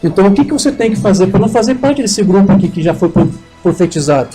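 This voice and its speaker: A man's voice: high-pitched, lively intonation, quick pace, breathy edge, rough recording. A Brazilian man with a Brazilian Portuguese accent preaching a sermon and leading a prayer, fervently calling for amens from the congregation. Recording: soft music under the voice.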